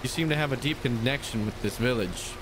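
A man's voice: mid-range voice, brisk, background noise, natural voice. A man voicing a creepy male fortune teller from a video game, with intimate, insinuating palm-reading patter. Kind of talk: video game dialogue read aloud.

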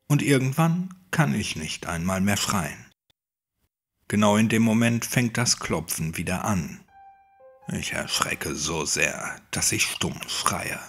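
A man reading a first-person horror story aloud, tense and breathy, dropping into whispers and rising into shouts. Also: on the low side. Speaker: horror audiobook narrator. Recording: faint music bed under the voice.

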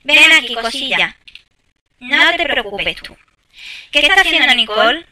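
A woman chats through gameplay in a very bright, slightly high voice, tossing exasperated asides to her viewers. She sounds set back from the microphone. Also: big pitch swings, a little slow, far from the mic. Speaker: gameplay streamer. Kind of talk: casual gameplay commentary.

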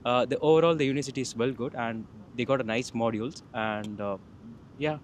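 A man's voice: mid-range voice, brisk, slight background noise. A young man from South India with an Indian English accent, speaking hesitantly with many fillers about his studies, outdoors in a park. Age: 20s. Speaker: student. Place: open park lawn outdoors.

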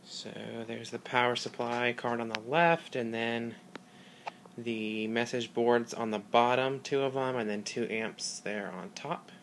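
Man, hobbyist host, casual demonstration, halting informal delivery, crisp bright tone, mid pitch, handheld mic indoors. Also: steady tone, slight background noise. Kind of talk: casual product demonstration vlog. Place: small carpeted room indoors. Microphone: handheld phone or camera mic.

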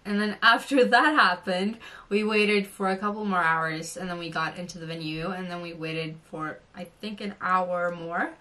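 A young woman from Norway telling an excited story to her camera, gushing and bubbly with many fillers. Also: on the low side, normal speed, recorded from a distance. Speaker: vlogger.

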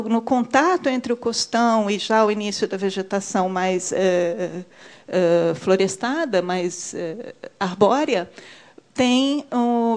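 A woman, giving a measured conference talk on a handheld microphone, with many fillers as she points at her slides. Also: mid-range voice, a little mellow. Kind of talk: conference presentation. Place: conference room. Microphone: handheld mic.

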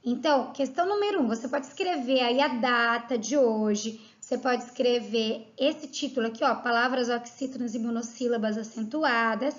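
A Brazilian woman teaching a grammar lesson to children, talking patiently and spelling each point out clearly. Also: on the high side, moderate pace, few pauses. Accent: Brazilian Portuguese. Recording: slightly dull lo-fi audio.

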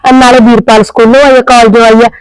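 A woman's voice: a little high, little pitch movement, fast, clear, resonant tone, close to an everyday voice, rough recording. Woman playing a whiny young daughter-in-law. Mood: pleading. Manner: whiny, pleading. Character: young daughter-in-law, sulky and self-pitying. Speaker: actor in a family skit. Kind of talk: scripted domestic skit acting.

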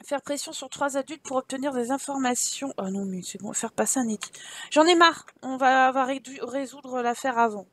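Woman gamer, high-pitched, fed-up and profane while playing. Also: a little fast, few pauses. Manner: exasperated, swearing, laughing asides. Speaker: gaming streamer. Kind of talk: casual let's-play commentary.

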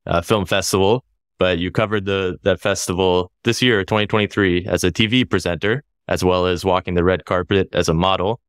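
A man in his thirties hosts a podcast interview, relaxed and chatty, laughing easily. His voice sits very low and sounds smooth and resonant. He is recorded dry and close on a studio mic. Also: fairly quick, no room sound. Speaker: podcast host. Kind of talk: casual interview. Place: small home studio, indoors. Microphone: studio mic on boom arm, headphones.

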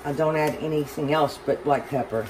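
A Southern woman with a fairly low voice talks her viewers through a home-cooked meal in a loose, rambling way and pokes fun at her own cooking. She is recorded in a home kitchen, with a loud fan humming steadily behind her. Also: brisk, slight background noise, low-quality recording. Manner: chatty, rambling, self-deprecating. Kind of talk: casual cooking demonstration. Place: home kitchen, overhead camera on the stove.

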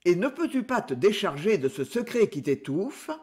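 A man voicing a gentle elder brother from the countryside, who speaks softly, consoling and earnest. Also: high-pitched, sing-song, normal speed.

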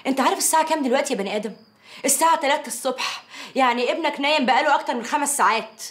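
Scornful Egyptian ex-wife, actress, high and rapid-fire. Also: female voice, lightly acted. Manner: cutting, scornful. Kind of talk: film drama acting.

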